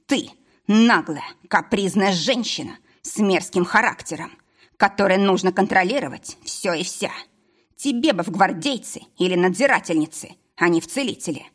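A woman's voice: medium pitch, animated, moderate pace, natural voice. A woman voicing a proud, bitter male healer who hisses his words through clenched teeth, in an audiobook. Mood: outraged. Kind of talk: audiobook character voice.

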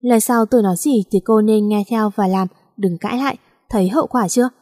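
A woman's voice: mid-range voice, brisk, darkish tone, clean studio sound, natural voice. A woman voicing a bossy, teasing male company director who talks in a curt, mocking way. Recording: long echoing reverb.

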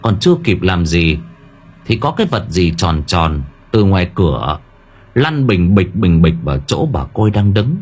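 A man's voice: deep voice, big pitch swings, moderate pace, a little mellow, slightly rough. A man narrating a horror story in a dramatic storytelling manner. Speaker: audiobook narrator. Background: faint background music.

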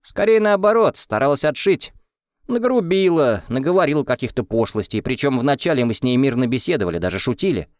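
A man's voice: medium pitch, animated, a little fast, no room sound, clean studio sound, pitched above the performer's own voice, lightly acted. A man voicing a flustered young man. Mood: defensive. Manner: defensive, flustered. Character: young man, defensive and embarrassed. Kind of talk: audiobook character reading.

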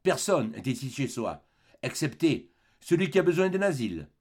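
A man reading the part of a gentle, kindly old bishop in an audiobook, speaking softly and consolingly. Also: medium pitch, big pitch swings, normal speed. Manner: soft, warm, consoling.

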